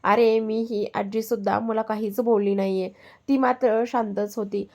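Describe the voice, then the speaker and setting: A woman's voice: medium pitch, steady tone, moderate pace, a little mellow, close to an everyday voice. A woman voicing a worried, sulky young woman about to be married, in a spoken story. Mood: anxious.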